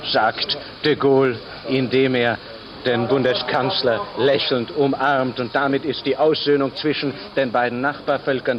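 A man delivers a solemn 1960s radio reportage. His voice comes through a gritty early microphone, dull and lo-fi, over a loud crowd. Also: mid-range voice. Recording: gritty old band-limited radio recording, crowd noise.

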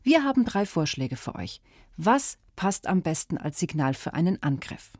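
Animated woman presenting to children. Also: on the low side, moderate pace, no echo. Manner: animated, addressing listeners directly.

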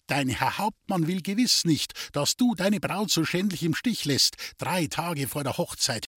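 A man voicing an earnest village priest who admonishes in a measured way. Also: fairly high pitch, animated, fairly bright tone, slightly rough, no echo, studio quality, voice pushed up, heavily acted. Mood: admonishing.

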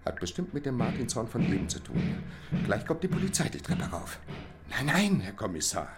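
A man's voice: medium pitch, sing-song, normal speed. A man playing an anxious lonely young man. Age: young adult. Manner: anxious monologue, groaning in pain.

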